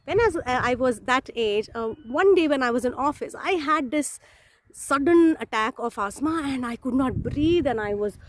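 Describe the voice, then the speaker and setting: A woman tells a personal story straight to camera. Her voice sits a little high, and her delivery is expressive and emphatic. Steady background noise runs under the recording. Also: moderate pace. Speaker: NLP coach.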